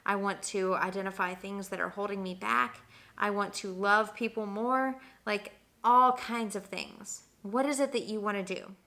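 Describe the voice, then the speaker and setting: A young woman speaks straight to her viewers in a motivational vlog, stacking up emphatic rhetorical questions about growth. Her voice is bright and forward. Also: mid-range voice, steady tone, normal speed. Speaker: wellness vlogger.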